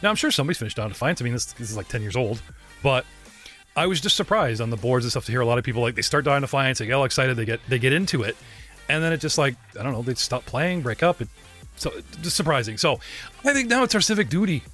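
A man acting as game master for a tabletop game jokes and rambles with his players, often restarting his sentences in a playful, stumbling way. His medium-pitched, slightly bright voice is animated and fast, with faint music behind him.

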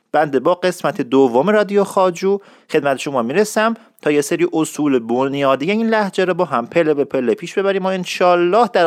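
A man's voice: on the high side, no echo, clean studio sound. A man hosting his own podcast, talking in a playful, mock-serious lecturing way. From Isfahan, Iran. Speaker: podcast host. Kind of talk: humorous podcast monologue.

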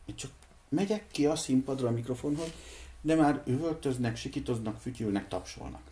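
A middle-aged man from Hungary speaks in a casual discussion, reflective and measured. His voice sits at an ordinary pitch, and he pauses often to think aloud. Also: expressive, dark tone. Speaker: podcast guest, singer.

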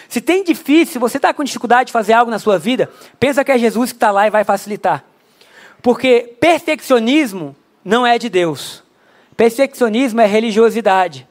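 A young adult man preaching a conversational sermon in a church, with frequent rhetorical asides to the congregation. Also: very high-pitched. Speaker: pastor.

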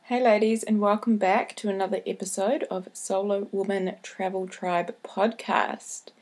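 Female podcast host, broad Kiwi accent, slow and deliberate, medium pitch, motivational advice straight to listeners. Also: fairly even intonation, a little mellow, faint music behind. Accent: broad New Zealand (Kiwi). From New Zealand. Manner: deliberately slowed, careful delivery with repeated key points.

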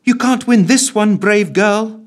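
A man's voice: sits high, a little slow. A man voicing a brave, cunning young woman adventurer in an audio storybook, breathless and urgent. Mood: gentle.

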